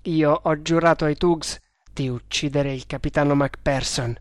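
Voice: mid-range voice, fairly even intonation, moderate pace, no room sound, studio quality, close to an everyday voice. A reader voicing a fierce, desperate Indian man sworn to kill, speaking in a threatening, commanding way in an audiobook of an adventure novel.

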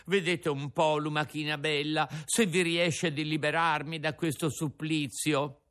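A man's voice: on the high side, steady tone, unhurried, fairly bright tone, pitched above the performer's own voice. A man doing an impatient puppet boy. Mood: pleading. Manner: pleading, urgent, raised voice. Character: impatient wooden puppet boy, cold and desperate. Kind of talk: storybook reading with voices.

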